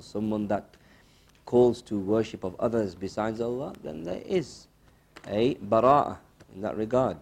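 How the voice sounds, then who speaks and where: A man's voice: fairly low pitch, gravelly, darkish tone, husky. Man teaching a religious lesson, emphatic repetition. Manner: didactic, repeats phrases with emphatic pauses; mixes Arabic quotations into English. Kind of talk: religious lesson, quizzing listeners and explaining.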